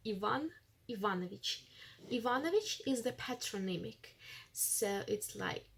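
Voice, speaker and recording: A native Russian speaker with a Russian accent teaches a beginner lesson as a screen-recorded app walkthrough, patiently repeating phrases and explaining them step by step. Her voice is fairly high, expressive, unhurried and a bit bright, with a little hiss or hum in the recording.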